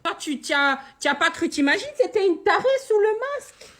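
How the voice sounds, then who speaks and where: A young woman doing a comic unboxing vlog, crude and excitable, swinging between loud and soft. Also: very high-pitched, brisk. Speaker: YouTuber.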